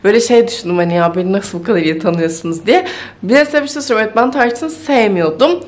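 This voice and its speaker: A woman's voice: mid-range voice, animated, fast, darkish tone. A woman chatting casually in a home vlog, thinking aloud and easily amused, with faint music behind her. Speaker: vlogger. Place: home kitchen.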